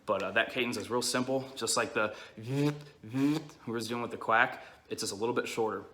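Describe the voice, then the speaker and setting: A man's voice: lowish voice, steady tone, fast, pushed and bright. A man giving a casual, hands-on tutorial as an instructor, explaining informally and often checking in with the listener. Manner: informal, explanatory, frequent check-ins like "okay" and "all right". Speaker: duck-calling instructor.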